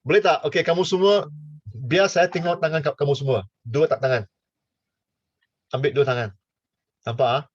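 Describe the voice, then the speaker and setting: A man's voice: fairly high pitch, normal speed, long pauses, no echo. An older man preaching, stammering, full of fillers and playful asides. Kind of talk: sermon. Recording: dull lo-fi sound, dry.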